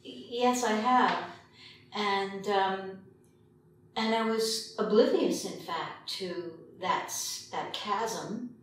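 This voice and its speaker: An older Quebec woman, a documentary filmmaker, looks back on her work during an interview, often stopping partway through sentences. Her voice sits at a medium pitch. The recording was made with a distant mic in a very echoey indoor meeting room at a long table, with faint background noise.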